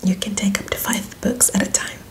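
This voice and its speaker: A young woman in a whispered role-play as a friendly, helpful librarian, speaking in a soft library whisper. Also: a little fast. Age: young adult. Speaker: ASMR performer playing a librarian. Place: small indoor room with bookshelves.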